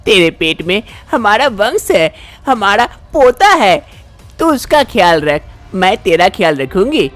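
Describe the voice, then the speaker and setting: A woman's voice: medium pitch, very animated, unhurried, faint music behind. A woman voicing a scheming older mother-in-law who insists on a grandson, scolding and repeating herself. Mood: insistent.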